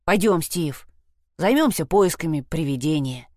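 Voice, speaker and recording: A woman's voice: low voice, animated, a little slow, a little mellow, dry recording, studio quality. A woman voicing a cocky teenage boy who mocks the girls in a storybook reading. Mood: sulky. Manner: mocking, boastful.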